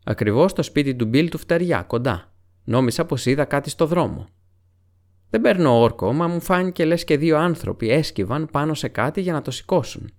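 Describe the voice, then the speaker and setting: A man voicing an excitable, flustered hobbit servant who is eager to report what he saw, in an audiobook reading. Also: fairly high pitch, voice pushed up.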